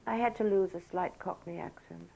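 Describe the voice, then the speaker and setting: Gravelly older woman telling anecdotes. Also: lowish voice, fairly even intonation, fairly quick, dark tone, rough recording. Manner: anecdotal, candid. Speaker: interviewee. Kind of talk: documentary interview.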